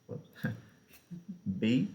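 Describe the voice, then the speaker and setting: A man co-hosting a casual chat, talking in a relaxed, rambling way with lots of "like" and "um". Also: extremely slow, dull audio. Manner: relaxed, filler-heavy, lots of "like" and "um". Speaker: co-host discussing personality typing.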